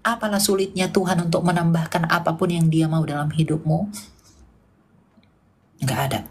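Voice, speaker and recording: A woman's voice: lowish voice, steady tone, moderate pace, a little hiss or hum. A woman preacher teaching casually and emphatically, asking rhetorical questions and sometimes dropping to a whisper. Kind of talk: informal Q&A sermon.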